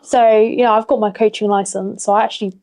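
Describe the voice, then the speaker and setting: A woman's voice: mid-range voice, level tone, fast talker, mellow. A woman in her twenties, a podcast guest chatting casually and giggling often. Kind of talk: casual chat.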